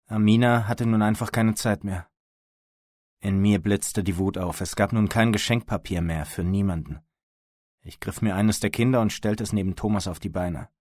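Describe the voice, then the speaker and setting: A man's voice: low voice, darkish tone, dry recording, clean studio sound. A man narrating an audiobook in the first person, with a terse, gritty, tense delivery.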